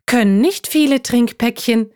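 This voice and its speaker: Brief: woman voicing a naive, prattling juice box, pitched up high, for a kids' audio story. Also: unhurried, darkish tone, smooth, close to an everyday voice. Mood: naive chatter. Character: chatty naive talking grape juice box.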